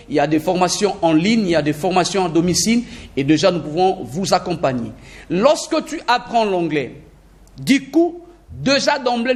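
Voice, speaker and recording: High-pitched man, energetic English teacher, video lesson, repeats phrases for emphasis.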